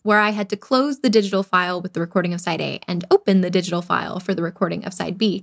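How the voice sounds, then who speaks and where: Woman, mid-range pitch, podcast narrator, scripted reflective narration. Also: a little mellow.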